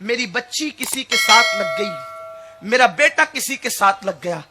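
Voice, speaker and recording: A man preaching an impassioned sermon, moving between hushed storytelling and fervent shouted appeals. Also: very high-pitched, animated, heavy background noise.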